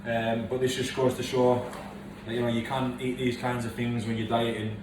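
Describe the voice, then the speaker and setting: A man's voice: mid-range voice, flat delivery, moderate pace. A man casually explaining a recipe step by step in his home kitchen. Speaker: co-host of home cooking video. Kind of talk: casual cooking instruction. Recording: echoey kitchen, mic far off, noisy.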